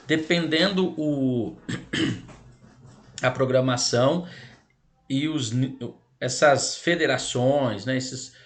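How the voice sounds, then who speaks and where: A man with a Brazilian Portuguese accent teaches an online lesson on child protection law, speaking slowly in a mid-range voice with long pauses. His throat sounds scratchy and irritated, and he explains patiently, repeating and correcting himself while addressing "pessoal."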